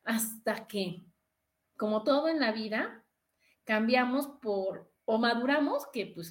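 A middle-aged woman with a Mexican accent, hosting a casual motivational talk with a confiding manner, many restarts and fillers. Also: on the high side. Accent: Mexican Spanish. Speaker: podcast host.

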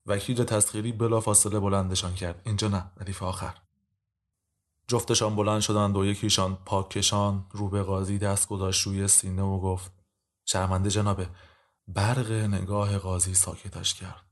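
A male narrator of a scripted audio drama with a deep voice and a very level delivery. He tells the story in a calm, measured way.

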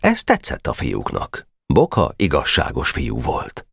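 Man, audiobook narrator, expressive, lively intonation, dry close mic. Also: creaky, husky, no echo. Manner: expressive storytelling with wide pitch swings. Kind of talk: novel reading.

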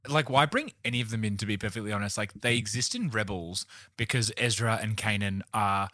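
A man chatting on a podcast panel, animated and jokey, often laughing mid-sentence. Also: lowish voice, a little fast, no room sound, clean studio sound. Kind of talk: casual chat.

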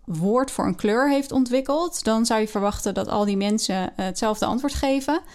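A woman walks through a research study in relaxed conversation. She talks it out as she goes, pausing on fillers and rephrasing mid-sentence. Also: on the high side. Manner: hesitant, many fillers and restarts. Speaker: co-host discussing a research article. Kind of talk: casual explanatory conversation.

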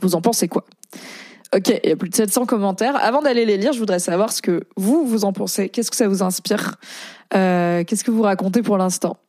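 A woman's voice: mid-range voice, a little fast, dark tone, no echo, clean studio sound. A young French-speaking woman hosting a casual podcast, reading and commenting on posts in a chatty way with many fillers.

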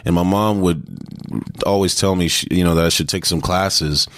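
Man, very deep voice, dry close mic, halting with fillers, interview guest. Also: steady tone, fairly bright tone, dry recording. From Texas, US. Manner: hesitant, many restarts and fillers. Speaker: actor guest. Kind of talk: casual interview talk.

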